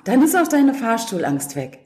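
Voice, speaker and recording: A woman's voice: a little high, sing-song, moderate pace, mellow, pitched above the performer's own voice. A woman briefly voicing an experienced psychotherapist who speaks in a casual, offhand way. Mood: breezy.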